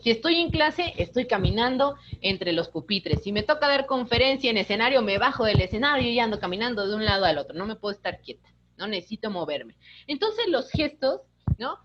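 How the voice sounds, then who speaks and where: Lively woman teaching online. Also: a little high, brisk, lo-fi sound, a little hiss or hum. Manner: lively teacher, talks with her hands. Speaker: course instructor. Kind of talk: online lecture.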